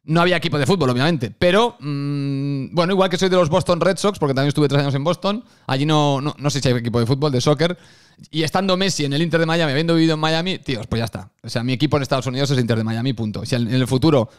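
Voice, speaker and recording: Fast-talking Galician man chatting football. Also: on the high side, clear, resonant tone. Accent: Galician Spanish. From Spain. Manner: animated, chatty, addresses viewers directly. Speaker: football youtuber. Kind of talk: casual fan commentary and storytelling.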